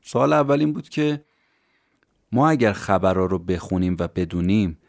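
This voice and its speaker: A man hosting a podcast, calmly summarizing a book for listeners in scripted narration. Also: sits low, gravelly, dry recording, clean studio sound. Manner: calm, explanatory, addresses listeners directly. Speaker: podcast host summarizing books.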